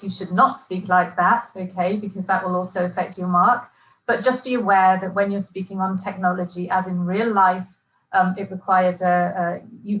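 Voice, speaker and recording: A woman teacher trainer talks through exam tips in a webinar, in a chatty, encouraging way with plenty of fillers and restarts. Her voice sits at an ordinary middle pitch for a woman. The recording has a noticeably echoey, roomy sound. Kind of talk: webinar presentation. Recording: echoey room.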